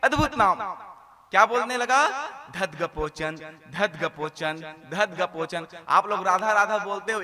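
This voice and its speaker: A male preacher telling a devotional story as a sermon. He is lively and keeps quizzing his listeners, in a high, very bright voice.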